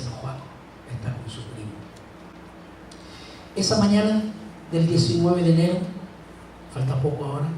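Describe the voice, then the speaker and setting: A middle-aged man from Chile speaks in a church, slow and halting, pausing often as he tells his story. His voice is mellow and slightly high for a man. The sound is heavily echoey, picked up from across a hall with faint background noise. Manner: slow, halting, grief-heavy storytelling with long pauses. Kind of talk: personal testimony talk. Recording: echoey hall, mic far off.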